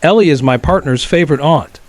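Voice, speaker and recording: Calm man narrating a horror story. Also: fairly high pitch, a little fast, no echo.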